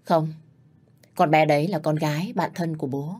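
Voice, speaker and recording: A woman voicing a calm, gently reassuring young husband in a storybook reading. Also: low voice, moderate pace, breathy edge.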